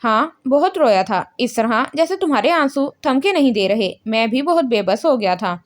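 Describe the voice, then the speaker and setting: A woman voicing a gentle, teasing young man in a storybook reading, calm and soothing. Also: on the high side, close to an everyday voice.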